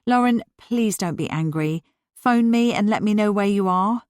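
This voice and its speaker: A woman reading the part of a frazzled single mother who jokes breezily and snaps briskly when worried. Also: mid-range voice, darkish tone, clean tone, no room sound, studio quality, voice pushed up, close to an everyday voice. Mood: alarmed. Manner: brisk, breezy banter turning anxious. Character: frazzled single mother, quick-tongued and anxious.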